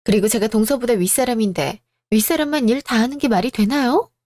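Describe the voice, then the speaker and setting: A self-important elder sister-in-law who insists on her rank in the family, played by a woman. She sounds high, whiny and indignant. The read is dry and close, radio-drama style. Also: brisk, darkish tone, dry recording, natural voice.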